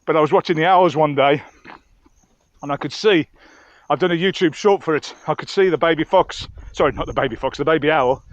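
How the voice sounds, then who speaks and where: Hiking outdoors on a mountain trail, a gear-reviewing vlogger rambles and chats casually to his camera. He speaks fairly quickly at a fairly high pitch, and the sound is lo-fi with no echo.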